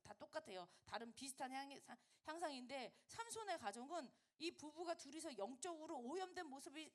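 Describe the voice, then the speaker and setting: A woman preaching a sermon to a college group in a conversational style, asking her listeners many rhetorical questions. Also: high voice.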